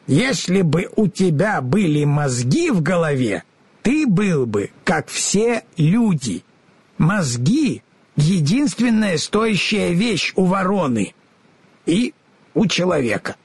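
A man voicing a cheeky, mocking female crow with a hoarse, cawing voice in an audiobook. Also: sits high, big pitch swings, slow pace, dry recording, voice pushed up, heavily acted. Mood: consoling. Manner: mocking, brash. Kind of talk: audiobook character voice.

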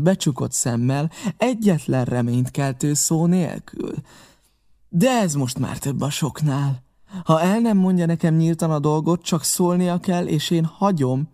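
A man voicing a cunning pirate cook who talks slowly and insistently, in an audiobook reading. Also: fairly high pitch, warm tone, pitched above the performer's own voice. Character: cunning one-legged male pirate cook, wheedling.

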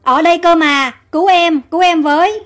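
A woman's voice: sits high, moderate pace, close to an everyday voice. A woman voicing a desperate, loyal young captive woman with a pleading, emotional manner in a storybook reading.

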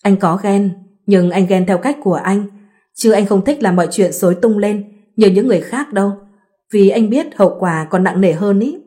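A woman voicing an easygoing young husband who speaks calmly and reasons patiently in a read-aloud story. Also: high-pitched, normal speed, close to an everyday voice. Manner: calm, reasoning.

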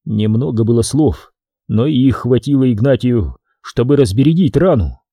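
A man narrating an audiobook in an expressive, measured manner. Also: mid-range voice, dry recording.

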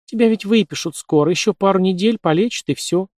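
A woman's voice: medium pitch, a little fast, a little mellow, dry recording, clean studio sound, voice pushed up, close to an everyday voice. A man doing a lovesick young nurse. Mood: pleading. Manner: chirpy, pleading.

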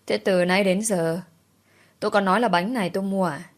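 A woman's voice: fairly low pitch, normal speed, fairly bright tone, lightly acted. A woman voicing a blunt, defiant young female servant who talks back firmly in a storybook reading. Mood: calm. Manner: firm, cutting.

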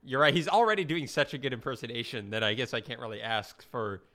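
A man with a bright, crisp voice hosting a casual podcast. He steers the talk and teases his co-hosts. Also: medium pitch, fast. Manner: teasing, leading the conversation. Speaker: podcast host.

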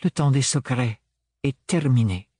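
A man's voice: medium pitch, expressive, unhurried, warm tone, slightly rough, no echo, clean studio sound. A man reading an audiobook, voicing a poised, authoritative woman. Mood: commanding. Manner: decisive, authoritative. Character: commanding, poised aristocratic woman.

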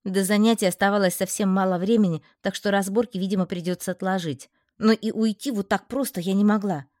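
A woman reading a first-person fantasy novel aloud, steady and expressive. Her voice sits in a middle pitch. The recording is dry and close, with no room around it. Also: a little fast, no room sound. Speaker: audiobook narrator. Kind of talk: first-person audiobook narration.

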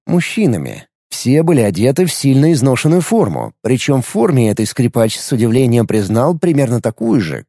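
A man narrating an audiobook in an expressive storytelling manner. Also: mid-range voice, gravelly, no room sound, studio quality. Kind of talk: scripted narration.

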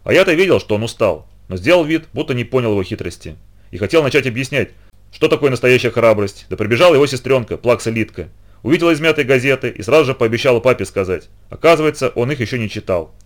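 Expressive male storybook reader. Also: mid-range voice, fast. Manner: expressive, dramatic. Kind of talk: storybook reading in first person.

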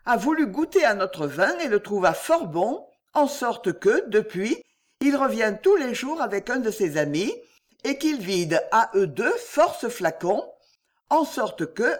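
A flustered, kindly innkeeper woman chatters breathlessly from a storybook, as the reader puts her on. Her voice sits high above the narration and swings up and down with lively pitch. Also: measured pace. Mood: chatty.

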